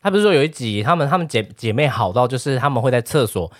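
Very low-voiced Taiwanese woman. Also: animated, fast talker, no room sound, clean studio sound. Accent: Taiwanese Mandarin. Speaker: podcast host. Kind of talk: casual chat.

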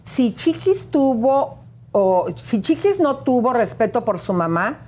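A woman's voice: fairly high pitch, sing-song, takes it slowly, warm tone. A woman co-hosting a gossip show, chatting and reading viewer comments aloud.

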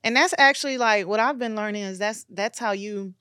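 A woman's voice: mid-range voice, fairly quick, sharp tone, clear, resonant tone, no echo, clean studio sound. A young woman from Miami hosting a podcast interview, conversational and asking questions. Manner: conversational, asks questions, with frequent agreement sounds. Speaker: podcast host. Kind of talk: casual interview chat.

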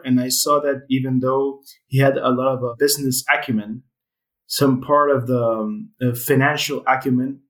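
A man's voice: medium pitch, poor audio. Hesitant man. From Ecuador. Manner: hesitant, many fillers and restarts. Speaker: guest. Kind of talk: casual interview answers.

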